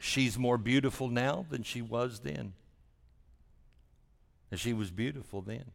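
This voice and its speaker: A man's voice: medium pitch, a little slow, vocal fry. Folksy preacher man in a reverberant hall. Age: 60s. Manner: folksy, repeats phrases for emphasis. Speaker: pastor. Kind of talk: sermon to a congregation. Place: large church hall during a service.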